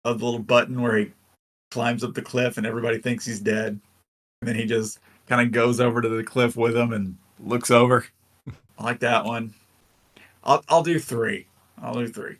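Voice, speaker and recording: A man's voice: mid-range voice, fairly even intonation, moderate pace, fairly bright tone. A man co-hosting a podcast, chatting casually and enthusiastically about a film with lots of fillers. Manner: rambling, enthusiastic, many fillers. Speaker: podcast co-host. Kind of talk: casual movie review chat.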